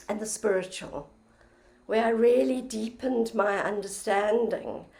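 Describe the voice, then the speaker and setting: An older woman giving a reflective dharma talk as a meditation teacher, gentle and measured, with a voice a little croaky from flu. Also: medium pitch.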